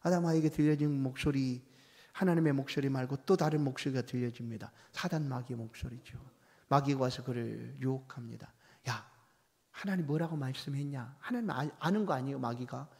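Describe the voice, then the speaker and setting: Korean pastor preaching with big swings. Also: male voice, medium pitch, brisk, gravelly. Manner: swings from soft near-whisper to loud emphatic exhortation; acts out quoted voices in conversational tone. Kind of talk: sermon. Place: church sanctuary. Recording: long church reverb.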